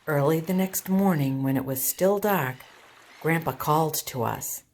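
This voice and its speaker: A low-pitched woman reads aloud from a children's picture book in the style of a storytime teacher, using deliberate, expressive phrasing meant for young listeners.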